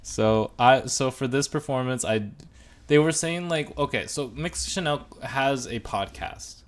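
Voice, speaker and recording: This podcast co-host, a man, reviews a TV show in a casual, rambling conversation full of jokes, opinions, and lively asides. He talks at a medium pitch and an unhurried pace.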